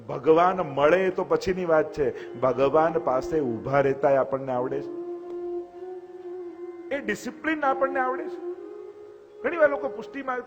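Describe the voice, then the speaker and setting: A man's voice: high voice, in a large hall, dull audio. A man with a Gujarati accent giving a devotional discourse as a Vaishnav teacher. He talks conversationally and keeps asking rhetorical questions.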